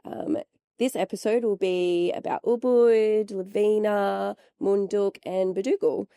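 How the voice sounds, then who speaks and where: A woman co-hosting a podcast, casual and chatty, her voice husky from being sick. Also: medium pitch, unhurried, no room sound. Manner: relaxed, chatty. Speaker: podcast co-host. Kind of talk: casual chat.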